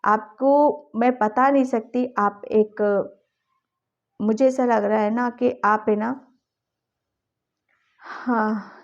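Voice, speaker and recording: A woman's voice: fairly high pitch, steady tone, extremely slow, pauses often, highs cut off. A woman tarot reader talking to her viewers, coaxing and encouraging them, often closing a thought with a reassuring check-in. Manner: coaxing and encouraging, with a repeated ठीक है at the ends of thoughts. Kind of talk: addressing viewers in a tarot reading.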